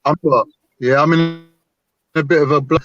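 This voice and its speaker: A man's voice: a little high, fairly even intonation, normal speed, a bit bright, dull audio, faint music behind. Man in his 40s on a breaking-up call. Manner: argumentative, pressing his point. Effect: call audio breaking up and cutting out. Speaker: caller in an online debate. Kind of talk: heated group discussion. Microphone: remote call.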